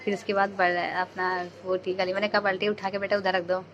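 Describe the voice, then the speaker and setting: A woman's voice: medium pitch, little pitch movement, fast, fairly bright tone, muffled recording. A young woman, a mother, chattily narrating a home video of her daughter in casual voice-over.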